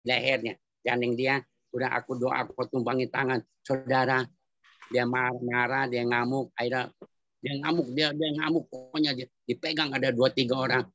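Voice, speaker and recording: A man giving a church testimony, telling his story in colloquial, animated style and repeating phrases for emphasis. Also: mid-range voice, normal speed, highs cut off. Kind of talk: testimony at a prayer meeting.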